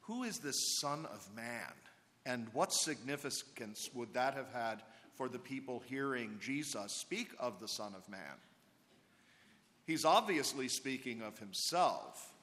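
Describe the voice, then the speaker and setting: A man of middle pitch preaches at a leisurely, deliberate pace, every phrase trailing into a long cathedral echo. He reads and explains scripture as a priest in a large church. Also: expressive, fairly bright tone. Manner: slow, measured liturgical delivery. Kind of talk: Gospel reading and homily at Mass.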